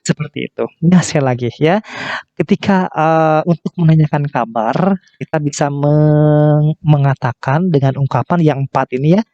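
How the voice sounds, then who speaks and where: A male teacher explaining an English lesson, reading example phrases slowly and carefully. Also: fairly high pitch, dark tone, no echo. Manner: reads model English lines slowly and deliberately. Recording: dull lo-fi recording.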